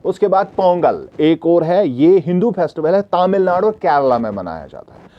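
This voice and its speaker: A man from Kashmir, teaching a revision lesson, often checking if students follow and reading English questions out slowly. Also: sits high, big pitch swings, highs cut off.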